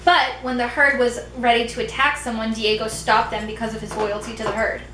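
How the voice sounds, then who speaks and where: Woman, high bright pitch, giggly and eager, roomy echo with faint hiss. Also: little pitch movement, fairly quick. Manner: enthusiastic, giggly, counting down votes. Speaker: panelist. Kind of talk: casual chat.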